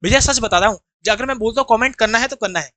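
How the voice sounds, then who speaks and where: Indian male tutor, online vocab class, lively and bright, dry recording. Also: sits high, very fast, no room sound. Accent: Indian English. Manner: explains terms, has students repeat after him. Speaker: English teacher.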